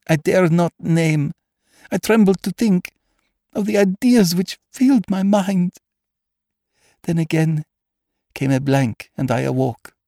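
A man's voice: sits high, mellow, no room sound, studio quality, voice pushed up. A man putting on a trembling frightened young lady. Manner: tremulous, pleading. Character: frightened young noblewoman, tremulous.

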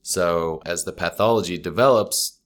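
A man's voice: deep voice, moderate pace, a bit bright. A man hosting a podcast, chatting casually and explaining things informally in everyday words. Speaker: podcast host.

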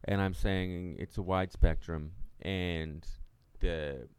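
A man chatting casually and at length in a halting, rambling way, often acting out quoted exchanges as he tells anecdotes. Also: sits low, fairly even intonation, smooth, dry recording. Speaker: podcast co-host and solo stage performer.

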